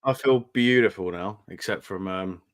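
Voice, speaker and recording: A man chatting casually as a show panellist, his voice croaky with a smoker's rasp from a sore throat. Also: deep voice, normal speed, no room sound. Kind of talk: casual chat.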